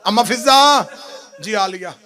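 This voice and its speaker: A man reciting a mourning sermon, swinging from hushed murmurs to high wailing shouts. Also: measured pace. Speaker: preacher reciting a majlis.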